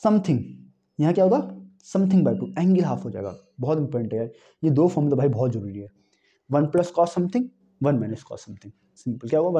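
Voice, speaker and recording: A young man giving an animated exam-prep math lecture, repeating key phrases and talking to students as friends. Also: on the high side. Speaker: math teacher.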